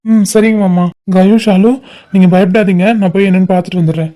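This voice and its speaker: A woman voicing a quiet young man in a cartoon drama, reassuring others in a hesitant way. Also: mid-range voice, fairly even intonation, fast talker, close to an everyday voice.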